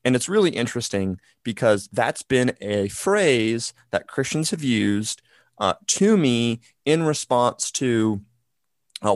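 A man co-hosting a podcast, talking in an animated, rambling way with lots of fillers. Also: mid-range voice, no echo, clean studio sound. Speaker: podcast co-host. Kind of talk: casual podcast conversation.

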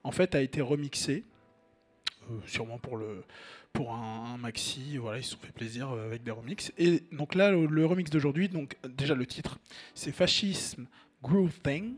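A man's voice: mid-range voice, moderate pace. A man co-hosting a music show, chatting casually about records, hesitant with many fillers and blunt opinions. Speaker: radio show co-host presenting records.

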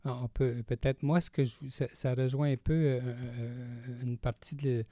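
A man with a Quebec French accent co-hosting a conversational podcast, explaining in a measured, somewhat hesitant way. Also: mid-range voice, level tone, warm tone, no echo, studio quality. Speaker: podcast co-host, counselling professional.

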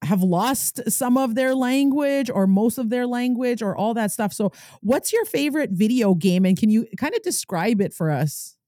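Woman host, higher pitch, soft dark tone, dry booth, rambling and encouraging. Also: expressive, normal speed, hardly any pauses, no room sound. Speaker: podcast host. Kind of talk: casual interview chat.

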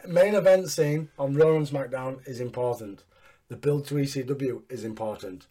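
A man hosting a casual recap chat with sweary, excitable fan talk. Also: medium pitch, moderate pace. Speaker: wrestling podcast host.

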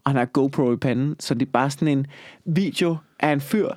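A man's voice: mid-range voice, darkish tone. A man co-hosting a casual podcast, joking around, laughing often and swearing casually. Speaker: podcast co-host.

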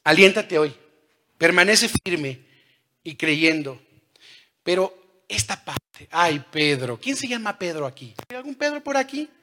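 A man in his thirties preaching a sermon, who swings between loud calls and hushed lines and puts questions to the congregation. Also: sits high, sing-song, a little slow. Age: 30s.

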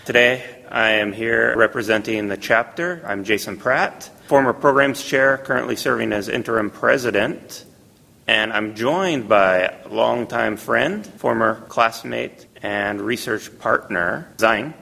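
A man hosting a podcast interview, friendly and quick to laugh. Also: mid-range voice, gravelly, pushed and bright, long reverb tail. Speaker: podcast host.

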